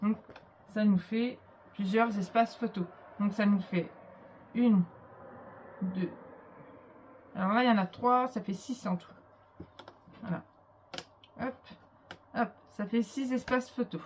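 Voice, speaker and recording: A woman's voice: medium pitch, unhurried, long pauses, darkish tone, slight background noise. A woman with a cold presenting a handmade album in a casual show-and-tell, hesitant and full of fillers. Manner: hesitant, full of fillers and little "hop" interjections. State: has a cold.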